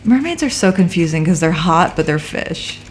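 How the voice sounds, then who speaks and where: A woman's voice: on the low side, animated, moderate pace. A woman co-hosting a casual chat, joking and laughing as she reads tarot cards. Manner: joking, giggly, rambling. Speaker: podcast co-host reading tarot.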